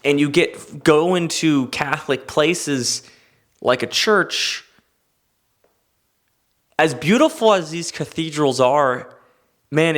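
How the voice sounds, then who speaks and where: A young man hosting a comedy show, ranting in a stand-up style monologue, cursing freely and slipping into mock voices. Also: fairly high pitch. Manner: animated, swearing, jumps into mock voices.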